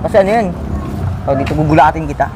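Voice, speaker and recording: A man's voice: fairly high pitch, quick pace, noisy background. Gap-toothed young Filipino man, teasing. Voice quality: speech of someone missing front teeth.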